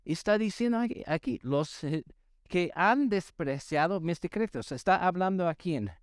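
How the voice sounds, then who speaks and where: A man's voice: high-pitched, animated, normal speed, dry recording, studio quality. A male pastor preaching a sermon to a live congregation, emphatic and repeatedly asking the audience to respond. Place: church service with live congregation.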